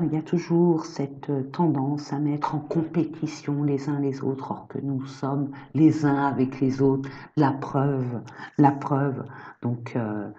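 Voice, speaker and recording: A low, mellow-voiced woman talks slowly and gently, reassuring her viewers during a spiritual horoscope reading. She is affectionate and calls them her friends. The sound is slightly muffled and lo-fi. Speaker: energy therapist and medium giving horoscope readings.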